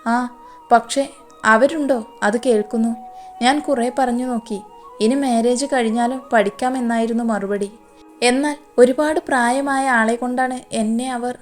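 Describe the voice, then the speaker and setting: A woman's voice: fairly high pitch, steady tone, moderate pace, faint music behind, natural voice. A woman voicing a frightened, tearful young woman who speaks in a pleading, upset way.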